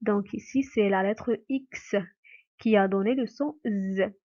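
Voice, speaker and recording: A woman's voice: mid-range voice, slow, mellow, lo-fi sound. A woman teacher giving a patient phonics lesson to young children, repeating words and asking questions.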